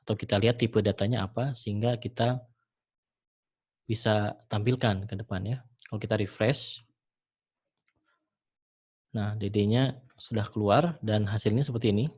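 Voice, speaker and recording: Low-voiced man explaining code step by step. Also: moderate pace, long pauses, slightly rough. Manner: relaxed, talks the viewer through each step, frequent "ya" and "nah". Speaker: programming instructor. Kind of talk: screen-recorded coding tutorial.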